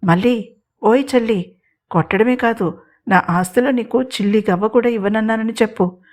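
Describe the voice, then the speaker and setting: A woman's voice: on the high side, normal speed, a little mellow, lightly acted. A woman voicing a reserved young man who teases his sister and speaks tenderly to the woman he loves. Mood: teasing. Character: young man, reserved elder brother and gentle lover.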